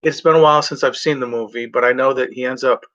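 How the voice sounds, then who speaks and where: A man's voice: mid-range voice, steady tone, fast talker, a bit bright. A man rambling casually and off script in a vlog, meandering between stories and swearing freely. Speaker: vlogger. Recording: dull lo-fi recording.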